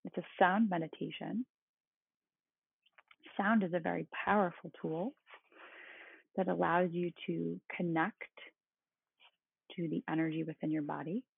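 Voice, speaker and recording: A meditation guide speaking in a calm, meditative tone with a husky, creaky voice. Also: mid-range voice, measured pace, pauses often. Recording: roomy, phone-like thin sound.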